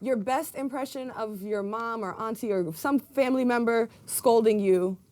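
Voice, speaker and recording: A woman co-hosting a podcast live in a studio, energetic and laughing as she leads the games. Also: on the high side, moderate pace. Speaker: podcast co-host. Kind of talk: casual podcast chat. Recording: live studio with audience noise.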